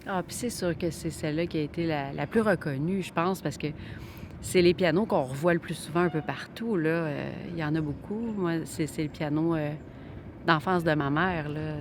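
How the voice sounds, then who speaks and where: A woman in her forties with a Québécois accent, chatting casually as a guest musician, soft-spoken and full of fillers. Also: sits low. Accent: Québécois French. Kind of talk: casual chat outdoors. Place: outdoors on a city street. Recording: outdoor street recording with traffic noise.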